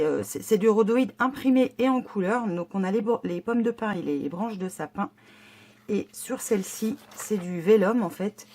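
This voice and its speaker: Speaking at a medium pitch with a slightly mellow quality, a woman who vlogs about scrapbooking opens her monthly box. She chats casually, gushing over the items while stumbling through plenty of fillers and restarts.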